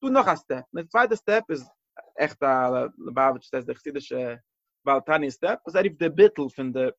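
A man's voice: mid-range voice, animated, normal speed, fairly bright tone, no echo. A man giving a Torah class in a lecture style. He thinks aloud, often restarts his phrases and mixes Hebrew terms into his explanations. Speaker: Torah teacher. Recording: dull, muffled recording.

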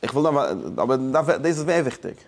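A man teaching a religious study lesson in a middle-pitched voice. He explains with emphasis, breaks off and restarts often, and drops English words into his German. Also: lively intonation, fairly quick, vocal fry.

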